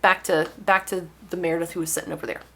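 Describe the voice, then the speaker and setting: A young woman author talking casually to camera in a wry, exasperated way, with lively emphasis. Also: lowish voice, quick pace, creaky, slightly rough. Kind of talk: casual vlog talk to camera.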